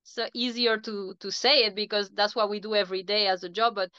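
A woman's voice: medium pitch, a little fast, clean tone, dry recording, dull audio. A woman from Chile, a dog trainer co-hosting a podcast in casual chat, who animatedly voices what dogs think. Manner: animated, acts out dogs' thoughts in asides.

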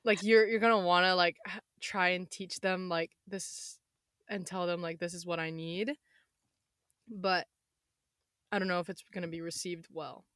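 Young woman, slightly hoarse, lowish and dry. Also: steady tone, moderate pace, fairly bright tone, no echo. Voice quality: slightly hoarse, losing her voice. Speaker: podcast host. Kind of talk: casual chat.

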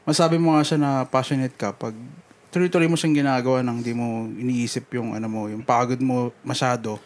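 A man co-hosting a casual podcast, explaining his views at length in a relaxed, reflective way. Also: medium pitch, a little fast. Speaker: podcast co-host.

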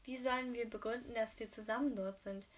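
A woman's voice: fairly high pitch, fairly even intonation, fairly quick, lightly acted. A woman reading as a hesitant young woman. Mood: unsure. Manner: read aloud with slips and restarts. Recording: distant mic with faint hiss.

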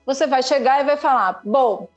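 Brief: woman, higher voice, emphatic advice-giver, podcast chat, faint music under. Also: normal speed, lo-fi sound. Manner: emphatic, advice-giving, rises sharply for emphasis. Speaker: communication speaker. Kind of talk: podcast conversation.

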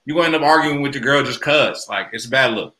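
A man with a bright, punchy voice chats on a podcast panel. His talk is casual and packed with street slang. The sound is noticeably roomy and echoing. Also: mid-range voice, quick pace.

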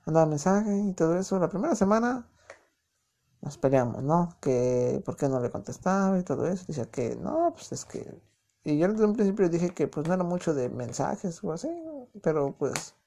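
A man's voice: fairly high pitch, dark tone. A young man from Mexico City with a chilango accent, casually telling a personal story in a chatty, joking way full of slang fillers. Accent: Mexico City Spanish. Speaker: podcast host.

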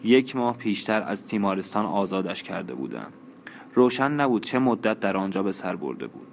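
A man reads a novel aloud in a measured, even style. His voice is low and steady. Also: creaky, slight background noise. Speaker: narrator. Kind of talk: audiobook narration.

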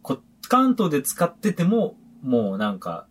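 Young guy from chatting on a podcast, husky, pitch bouncing all over. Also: measured pace, recorded from a distance. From Japan, Iwate. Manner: chatty, relaxed, reads listener letters aloud. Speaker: podcast co-host. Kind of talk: casual chat.

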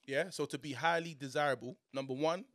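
A man's voice: fairly high pitch, fairly quick, a bit bright. A young man with a London urban street accent, hosting a casual podcast in slangy, questioning banter. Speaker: podcast host.

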